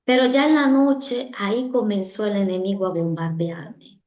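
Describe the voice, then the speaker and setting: A woman's voice: medium pitch, fairly even intonation, moderate pace, a little mellow. A woman giving an earnest personal testimony in an interview, often repeating her phrases for emphasis. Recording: echoey, dull-sounding room.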